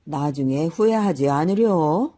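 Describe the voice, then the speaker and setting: A woman voicing a sly old man who makes masks, speaking slowly and knowingly and calling out to buyers at a market. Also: low-pitched, lively intonation. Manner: unhurried, knowing, hawking loudly at market.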